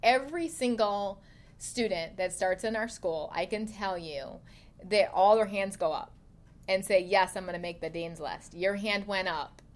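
A woman's voice: mid-range voice, measured pace. A middle-aged woman hosting a podcast interview, speaking in an encouraging, enthusiastic way. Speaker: podcast host. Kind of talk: casual interview.

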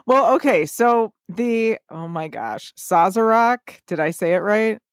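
A woman co-hosting a podcast in casual chat, chatty and quick to giggle. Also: mid-range voice, lively intonation, dry recording, studio quality. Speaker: podcast co-host.

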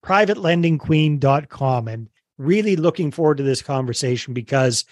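A Canadian man hosting an interview over a call, relaxed and joking, often finishing his guest's thoughts. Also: on the high side, moderate pace, no echo. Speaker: podcast host. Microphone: remote call.

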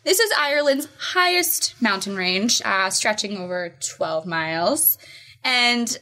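A woman's voice: mid-range voice, expressive, slow pace, bright, forceful tone. A woman from the United States co-hosting a podcast in casual chat, giggly and stumbling over unfamiliar place names. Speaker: podcast co-host.

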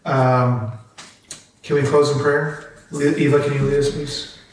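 A man's voice: mid-range voice, flat delivery, unhurried, recorded from a distance, slight background noise. A man hosting a casual faith podcast with his family, earnest and encouraging. He sits back from the microphone, and his voice rings around a very echoey room. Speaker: podcast host, father.

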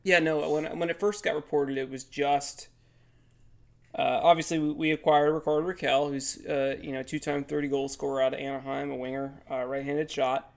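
A man's voice: on the high side, little pitch movement, moderate pace, gravelly. A man co-hosting a podcast with casual sports talk, nasal as he gets over a sinus infection. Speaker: podcast co-host.

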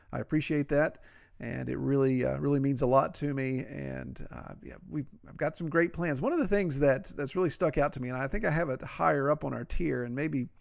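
Folksy and self-deprecating, this gravelly, fairly high-pitched man speaks with an Appalachian drawl. He's a podcast host giving a relaxed, conversational monologue.

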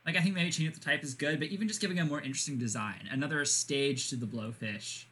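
A man's voice: mid-range voice, fast talker, fairly bright tone, a little hiss or hum. A man on a casual podcast, thinking aloud hesitantly with many fillers.

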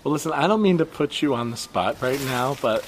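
A man playing a blunt, probing woman shopper and young mother who questions a stranger with deadpan persistence in an improvised comedy scene. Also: medium pitch, brisk, a little hiss or hum, lightly acted. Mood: polite.

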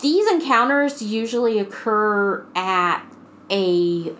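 A woman co-hosting a podcast, telling a creepy story in casual chat with drawn-out, restarting phrases. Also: mid-range voice, fairly bright tone, a little hiss or hum. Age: adult mother. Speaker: podcast co-host.

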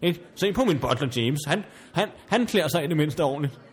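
A man's voice: on the high side, expressive, close to an everyday voice. A man playing a pompous estate owner. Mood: indignant. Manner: haughty, indignant, stammering when flustered. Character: pompous snobbish male country estate owner. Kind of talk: improvised comedy sketch.

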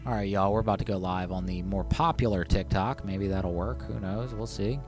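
Lowish male streamer over music. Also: fairly quick. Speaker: livestream host. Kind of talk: casual livestream chat.

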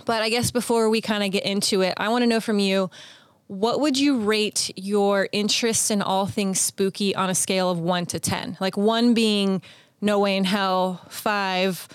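A woman hosts a casual interview show. She talks informally and chattily at a medium pitch. The sound is dry, with no room echo. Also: steady tone, normal speed, smooth. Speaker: talk show host.

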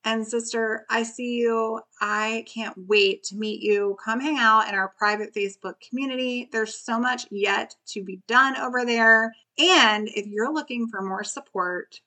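A woman with a thin, squeaky voice hosting a solo motivational podcast, speaking earnestly and emphatically straight to the listener as a coach. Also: steady tone, a little slow, few pauses, sharp tone. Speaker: podcast host and recovery coach.

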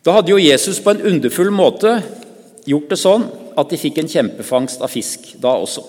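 A man with a fairly high voice delivers a sermon, retelling a story calmly and at an even pace. His speech comes with small restarts. The long church reverb hangs after each phrase. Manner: calm, measured storytelling with pauses and small restarts. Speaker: preacher.

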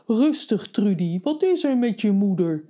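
Gentle giant pirate man played by a woman reader, kind, calm, warm tone, storybook. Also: medium pitch, measured pace, pitched above the performer's own voice. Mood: calm, kindly. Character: big kind tattooed male giant pirate.

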